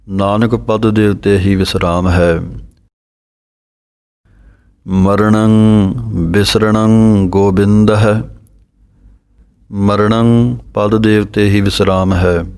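A man teaching correct scripture recitation, spelling out letters and pauses in a careful, measured way. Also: lowish voice, a little mellow, clear, resonant tone. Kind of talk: slow instructional recitation lesson.

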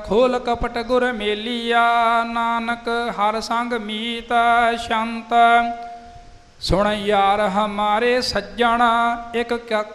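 A man recites scripture in a very slow, half-sung chant, his voice high and bright. The melody stays nearly flat and steady from line to line. A long reverb trails each phrase, with faint music underneath.

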